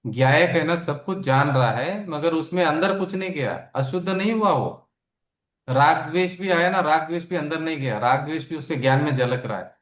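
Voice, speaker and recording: A man giving a spiritual scripture lesson, explaining slowly and asking his listeners questions, with homely examples. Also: on the high side, a bit bright, roomy sound. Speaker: spiritual teacher.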